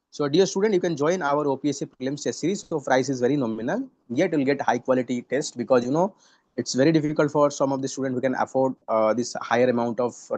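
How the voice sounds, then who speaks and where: This man speaks with an Indian English accent in a medium-pitched, darkish voice with no echo. He teaches an online exam-prep class on current affairs, often repeating phrases, saying "you know" a lot, and mixing in Hindi.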